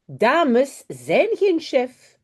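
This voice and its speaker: Woman reading as a bossy little boy, high lively voice, slow, storybook. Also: slightly rough, exaggerated voice. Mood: stubborn. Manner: bossy, insistent. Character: boastful little boy playing stationmaster.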